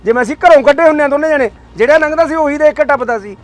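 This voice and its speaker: A man's voice: very high-pitched, rapid-fire, soft background music. An actor with a Punjabi accent playing an older father who complains sarcastically at his son and wife. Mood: sarcastic. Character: sharp-tongued father, impatient and sarcastic.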